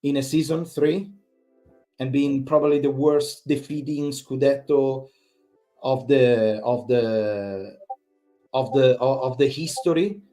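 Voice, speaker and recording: A man's voice: mid-range voice, takes it slowly, mellow, soft background music. A man, hosting a fan channel, giving an exasperated, repetitive post-match rant full of swearing.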